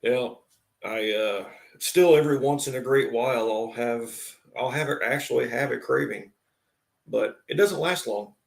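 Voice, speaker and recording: Gravelly laid-back man in his forties. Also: medium pitch, measured pace. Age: 40s. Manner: laid-back, greets viewers mid-conversation. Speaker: live stream host. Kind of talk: casual live-stream chat.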